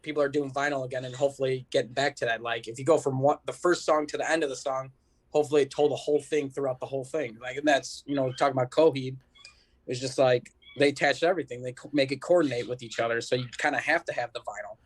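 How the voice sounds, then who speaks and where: With a quick pace, medium pitch and fairly even intonation, an American man from Chicago chats loosely as a podcast guest. He plays in a band and wanders through his thoughts, leaning heavily on "like" and "you know."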